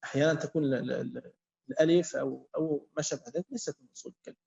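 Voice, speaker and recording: A man teaching a lesson to a class, talking slowly, repeating himself and quizzing students. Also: fairly high pitch, steady tone, vocal fry, mellow. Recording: echoey, dull-sounding classroom.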